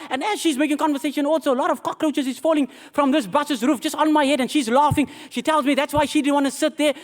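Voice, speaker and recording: High-voiced pastor telling a story. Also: male voice. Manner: animated, self-mocking storyteller, addresses congregation as beloved. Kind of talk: sermon testimony storytelling.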